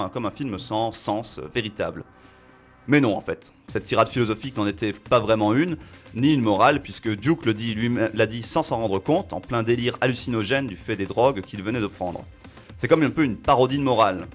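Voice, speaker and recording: French man giving a radio film review. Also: mid-range voice. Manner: animated, reasoning aloud with fillers. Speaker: film critic.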